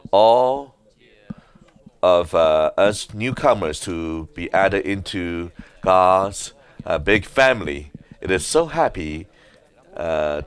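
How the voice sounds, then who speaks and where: A man preaching at a conference in a meeting hall, halting often with filler sounds as he speaks. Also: low-pitched, clean tone. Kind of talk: sermon.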